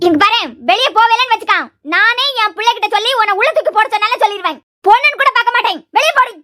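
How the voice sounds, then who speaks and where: A woman's voice: very high-pitched, racing. A woman voicing a domineering middle-aged aunt in a cartoon, scolding scornfully in a Kanyakumari Tamil accent. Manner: shouting, scornful. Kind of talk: cartoon voice acting.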